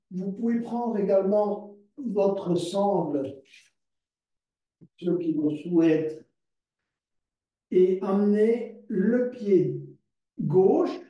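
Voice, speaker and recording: Male yoga instructor, slightly high voice, calm repetitive cueing, distant mic. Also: dull audio. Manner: calm step-by-step cueing, repeats words slowly. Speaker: yoga teacher. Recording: distant mic in a very echoey room.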